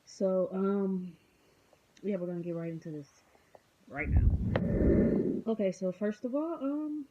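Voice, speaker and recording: A woman's voice: medium pitch, unhurried, pauses often, background noise. Tired, rambling young woman vlogging. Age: 20s. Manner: rambling, unscripted, many filler ums; goofy. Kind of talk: casual vlog chat. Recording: dull lo-fi sound.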